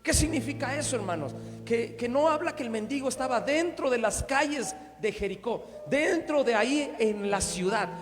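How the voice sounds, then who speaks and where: A man's voice: very high-pitched, expressive, normal speed. Pastor guy preaching, keeps asking "right?" to the crowd, echoey church. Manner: preaching with frequent "¿sí?" checks to the congregation. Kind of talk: sermon. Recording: long hall reverb with faint instrumental music.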